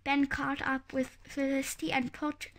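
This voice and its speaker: A woman reading a children's book aloud, halting now and then with slips and restarts. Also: high-pitched, little pitch movement. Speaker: reader.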